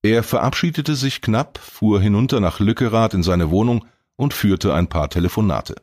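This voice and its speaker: Male audiobook narrator, deep and husky, measured read. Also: darkish tone. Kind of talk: scripted narration.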